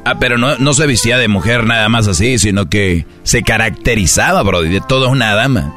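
A man's voice: on the low side, fairly quick, a bit bright, faint music behind. A man, bantering in slang as a radio co-host.

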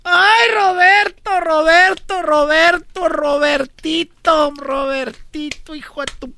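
A shrill, piercing falsetto of a nagging Mexican mom. She talks slowly with a bright, cutting edge, every word dragged out to scold, in a dry close sound. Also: steady tone, slight background noise, full character voice.

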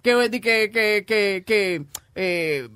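A man's voice: high voice, drawn-out words, sharp tone, clear, resonant tone, no echo, clean studio sound. A man hosting a radio talk show, joking and teasing his co-hosts in casual banter.

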